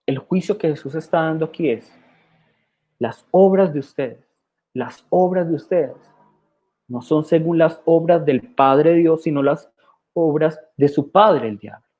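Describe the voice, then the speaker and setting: A pastor with a Colombian accent preaching a sermon, repeating key phrases and posing rhetorical questions. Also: male voice, fairly high pitch, a little slow, darkish tone. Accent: Colombian Spanish. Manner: emphatic repetition and rhetorical questions.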